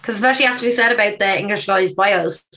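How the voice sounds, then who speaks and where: Bright-voiced Irish woman co-host. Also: medium pitch, fast talker, gravelly, a little hiss or hum. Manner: laughs often, plainspoken. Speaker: podcast co-host. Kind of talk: casual chat.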